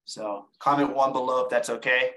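A man's voice: mid-range voice, fairly even intonation, moderate pace, bright, forceful tone, low-quality recording. A man hosting a live online selling webinar, explaining things in a casual way, often restarting his phrases and taking questions from viewers. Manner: casual, repeats words while explaining. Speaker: online seller giving a webinar.

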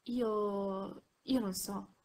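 Una donna che legge le battute di un giovane tenente agitato, che balbetta e insiste, in un audiolibro. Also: female voice, mid-range voice, steady tone, extremely slow, a little mellow. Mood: agitated. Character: young male army lieutenant, tense and stammering.

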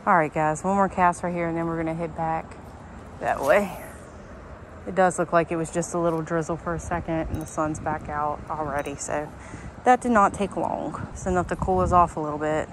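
A woman, chatting excitedly to viewers while filming a fishing trip outdoors on a rocky riverbank. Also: low voice, brisk, slight background noise. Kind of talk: casual outdoor vlog narration. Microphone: action camera worn on the body. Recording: background music over outdoor audio.

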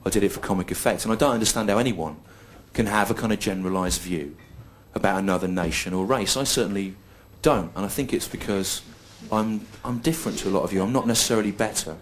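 A middle-aged man performing a stand-up comedy routine on a stage in front of a live audience, with dry, deadpan and repetitive phrasing. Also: fairly low pitch, fast talker, hardly any pauses. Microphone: stage microphone. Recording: live show recording with audible noise. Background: audience laughter.

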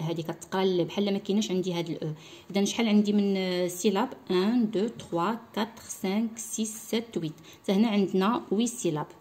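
A young woman with a Moroccan accent teaching a primary French lesson online, explaining in Darija and reading French lines slowly, syllable by syllable. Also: medium pitch, warm tone.

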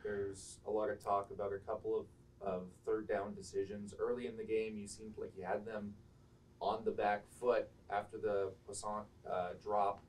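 Male reporter, low flat voice, off-mic, faint room noise behind. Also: moderate pace, far from the mic, low-quality recording. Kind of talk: press conference questions.

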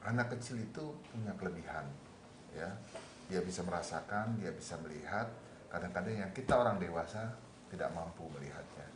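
Brief: male host, very low voice, measured tone, roomy and noisy recording. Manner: measured, musing commentary. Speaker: talk show host. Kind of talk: talk show hosting. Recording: echoey room with noise.

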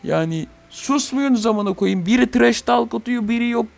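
A man's voice: very high voice, lively intonation, moderate pace, creaky, soft background music. A young man hosting a gaming channel, ranting heatedly and swearing in a casual chat about a game.

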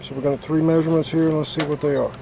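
A man with a slightly high voice talks rapid-fire in a level tone with vocal fry, over background noise. As an HVAC technician beside an outdoor air-conditioning unit, he gives a casual hands-on repair demo, going step by step plainly with many fillers.

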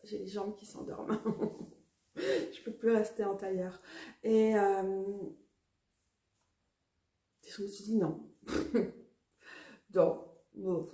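French woman rambling to the camera, mellow voice, laughs at herself a lot, echoey sound. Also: mid-range voice, steady tone, extremely slow, long pauses. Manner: chatty, self-mocking, laughs often. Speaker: tarot vlogger. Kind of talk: casual talk to camera. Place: outdoors near a garden with birds.

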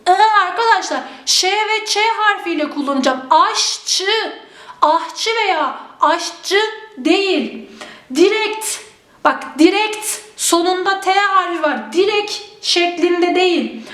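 A woman teaching spelling to exam students, drawing out each word slowly and often checking in with the class. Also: very high voice, fairly bright tone. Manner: drills words slowly, stretching them out. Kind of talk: exam-prep spelling lesson. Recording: echoey room.

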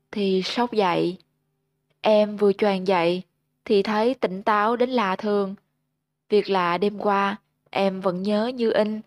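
A woman host narrating a ghost story in a steady, measured storytelling manner, on a close mic. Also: medium pitch, dry recording.

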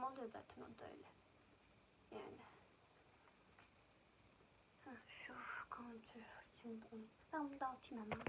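A young woman vlogger chatting casually while doing her makeup, venting indignantly and often dropping into soft whispers. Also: a little high, a little hiss or hum, poor audio. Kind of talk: casual makeup vlog chat.

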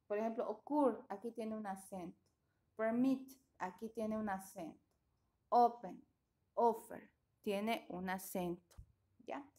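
A woman's voice: mid-range voice, fairly even intonation, measured pace, warm tone. A woman teaching an English grammar class, explaining patiently and often checking that students follow.

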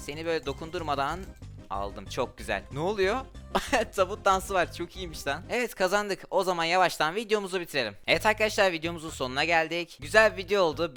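A man giving excited gameplay commentary from home, trash-talking opponents and talking to his viewers. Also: on the high side. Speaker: gaming YouTuber.

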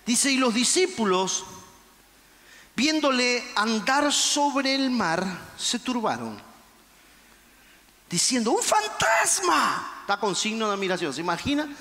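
A male pastor preaching a fervent sermon, shouting and acting out the quotes. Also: very high-pitched, sing-song, unhurried, long pauses, in a large hall. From Argentina.

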